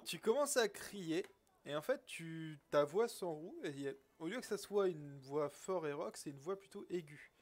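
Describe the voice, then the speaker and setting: A man's voice: on the high side, animated, moderate pace. A man running a tabletop game as game master, narrating outcomes and asking players for dice rolls.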